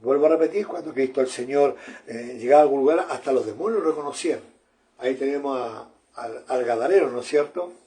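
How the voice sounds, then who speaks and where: A man's voice: mid-range voice, quick pace, dark tone. A man, preaching a sermon in an earnest manner, often repeating phrases and calling his listeners brother.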